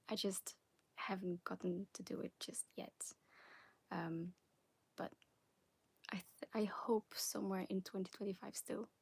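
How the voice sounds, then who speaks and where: A young woman from Belgium with a Flemish accent, hosting a live question-and-answer stream, talking softly and often whispering, a little nervous. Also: medium pitch, gravelly, breathy edge, no echo. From Belgium (Flanders). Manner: soft, partly whispered chat, nervous and giggly. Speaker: ASMR creator. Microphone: phone on a wobbly stand.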